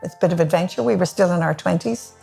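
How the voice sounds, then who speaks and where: A middle-aged woman from Ireland with an Irish accent, recalling her life gently and with some hesitation in a testimony interview. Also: on the low side, quick pace, vocal fry, faint music behind. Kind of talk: personal testimony.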